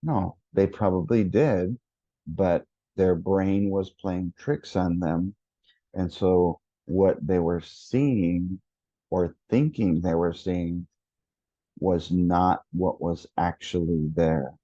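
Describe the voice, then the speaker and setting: Slow, deep-voiced teacher trainer. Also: male voice, mellow, no echo, lo-fi sound. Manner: slow, deliberate, repeats words for emphasis. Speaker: education consultant.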